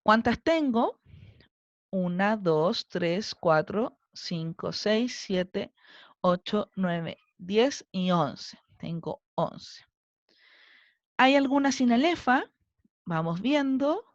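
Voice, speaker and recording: A woman's voice: mid-range voice, expressive, very slow, dry recording, lo-fi sound. A woman teacher with a Chilean Spanish accent, giving a recorded lesson and patiently counting syllables aloud step by step. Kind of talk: recorded online class lesson.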